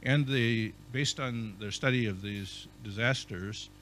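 A man giving a conference keynote as an architecture professor, speaking in a measured way with many fillers and restarts. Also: medium pitch, a bit bright, a little hiss or hum. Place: conference hall.

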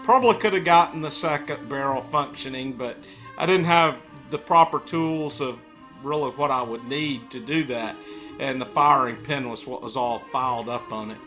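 A man's voice: medium pitch, moderate pace, sharp tone, soft background music, poor audio. A man in his fifties telling stories casually to camera, often with a pipe held in his mouth as he talks. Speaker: storyteller. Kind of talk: casual storytelling monologue to camera. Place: living room, indoors.

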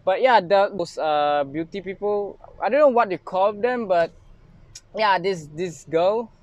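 A man's voice: sits high, lively intonation, unhurried, a little mellow, dry recording, lo-fi sound. A young man from Malaysia with a Malaysian English accent, chatting casually and rambling through a grocery haul from inside a parked car, filming on a handheld phone. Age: young adult. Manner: rambling, self-mocking, lots of fillers and restarts. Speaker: vlogger. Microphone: phone camera held close.

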